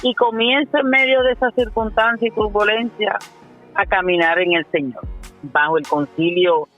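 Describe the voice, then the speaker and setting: A woman's voice: medium pitch, fairly even intonation, moderate pace, muffled recording, faint music behind. Earnest Puerto Rican woman in her fifties. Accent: Puerto Rican Spanish. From Puerto Rico. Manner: earnest, many "eh" and "¿verdad?" asides. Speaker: minister giving her testimony. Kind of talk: personal testimony on a radio show.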